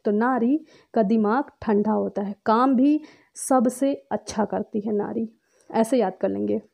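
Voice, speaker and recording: A woman's voice: fairly high pitch, measured pace, gravelly, warm tone. A young woman gives a chatty, playful lesson on memory tricks, acting out little scenes. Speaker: teacher.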